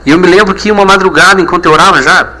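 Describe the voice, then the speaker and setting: Pastor guy, 30s, emotional testimony, repeats himself, high-ish bright voice. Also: very fast, low-quality recording. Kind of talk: personal testimony.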